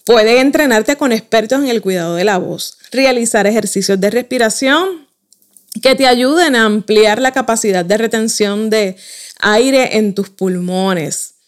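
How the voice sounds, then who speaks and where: Woman as a voice coach giving a lesson, a little high, clear and measured, talks straight to the listener. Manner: clear, measured teaching with direct address to listeners. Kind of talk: lesson on voice and speaking.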